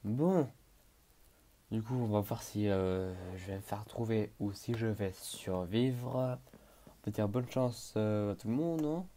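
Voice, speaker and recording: A young gaming YouTuber offers casual commentary on his gameplay in a lowish, slow, dark-toned male voice. He sounds hesitant, uses lots of fillers, mutters to himself, and now and then bursts into panicked exclamations.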